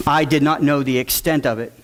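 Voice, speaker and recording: This father's voice is fairly high and steady in tone, and he speaks briskly while recounting his personal story to an audience with earnest emotion. Quoted lines get acted out in character, occasionally shouted.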